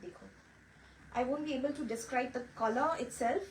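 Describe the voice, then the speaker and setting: A woman's voice: high voice, extremely slow, a little mellow. A woman from Bengal hosting a live saree sale, chatty and mixing Bengali with English as she greets viewers by name. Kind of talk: live-stream sales pitch. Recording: echoey room, distant mic, faint noise.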